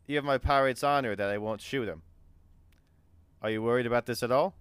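A man's voice: mid-range voice, a little fast, fairly bright tone, clean tone, no echo, lightly acted. A man voicing a blustering, jovial pirate captain in a tabletop game, hearty and commanding. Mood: taunting. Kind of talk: tabletop role-play.

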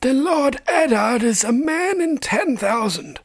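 Ancient, wise fantasy maester: high, thin, breathy old voice, solemn, slow, sorrowful. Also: male voice, lively intonation, dry recording, studio quality, exaggerated voice. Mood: wistful, sorrowful. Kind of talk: audiobook-style character reading from a fantasy novel.

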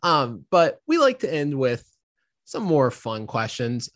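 A man's voice: mid-range voice, very animated, slow pace, a bit bright, no echo. Joking male podcast host. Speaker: interview host. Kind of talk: casual podcast interview.

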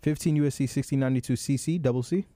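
A man with a dark, relaxed tone and middle pitch acts as host. He speaks conversationally, asks and checks, and reads material aloud. The recording is dry. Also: rapid-fire, no echo. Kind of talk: conversational interviewing and reading aloud.

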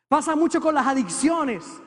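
A man preaching a sermon to his congregation, swinging from fervent appeals to a low, intimate tone. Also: lively intonation, normal speed. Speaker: pastor. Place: church sanctuary with congregation. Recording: long hall reverb.

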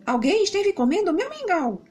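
A woman voicing a mama bear with a high, shrill voice in a children's story. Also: very animated, normal speed, darkish tone, soft background music. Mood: indignant.

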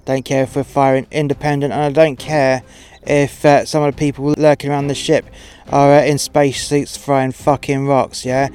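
A man's voice: medium pitch, little pitch movement, normal speed, hardly any pauses, smooth, close to an everyday voice. A man playing a gung-ho, foul-mouthed starship captain in an audio drama, commanding his crew informally and recklessly. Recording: loud music behind the voice. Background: music.

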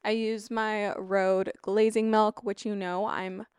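A young adult woman with vocal fry and a slight rasp, chatting casually through a lifestyle routine with informal asides. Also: mid-range voice, flat delivery, takes it slowly, a little mellow, no room sound, studio quality. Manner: informal, frequent asides and digressions. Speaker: lifestyle vlogger. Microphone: close microphone, wearing wired headphones.

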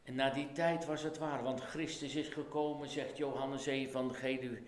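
A man's voice: mid-range voice, fairly even intonation, moderate pace, slight background noise. A Dutch-accented man preaching a sermon as pastor, earnest and pleading, his voice rising to urgent calls.

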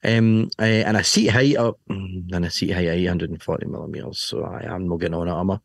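A man's voice: sits low, steady tone, quick pace, no echo. A man with a broad Scottish accent chatting casually and jokily as a show co-host, playful and self-deprecating. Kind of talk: casual jokey bike chat.

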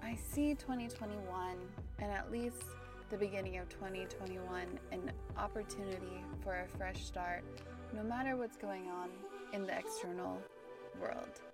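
American woman, gently reflective podcast host. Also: medium pitch, fairly even intonation, measured pace, over music. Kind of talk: casual spiritual podcast talk.

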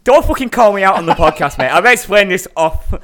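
A man's voice: sits high, animated, a little fast, fairly bright tone. A man, co-hosting a podcast in casual chat, rambling and swearing a lot. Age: 30s. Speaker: podcast co-host.

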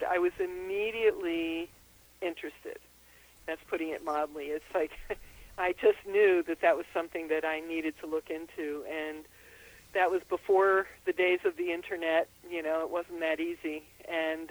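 Speaking at normal speed in a fairly low, fairly even voice, an older Austrian herbalist and writer responds to interview questions by phone. She explains carefully and says um often, and the audio is poor.

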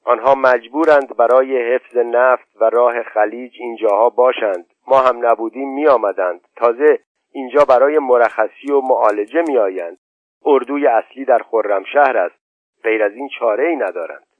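A man's voice: medium pitch, dry recording, phone-quality sound, lightly acted. A man voicing a touchy young chieftain. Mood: placating. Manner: indignant, quick to take offense.

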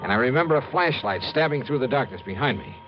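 A man's voice: mid-range voice, lively intonation, quick pace, lightly acted. Male actor as hard-boiled private eye, clipped, wry, 1950s radio drama, dull sound, music behind. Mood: suspenseful. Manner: tense, clipped storytelling with wry asides.

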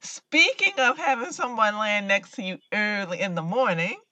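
Female co-host, teasing and probing, mid-pitch, dry close sound. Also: animated, moderate pace, pushed and bright, no echo, muffled recording. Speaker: podcast co-host. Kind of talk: casual opinion chat.

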